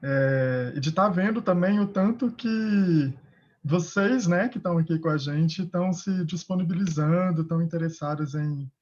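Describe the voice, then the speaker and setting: Gentle man on a muffled video call. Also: fairly high pitch, moderate pace. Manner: gentle and grateful. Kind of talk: casual chat on a video call. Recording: dull, muffled sound.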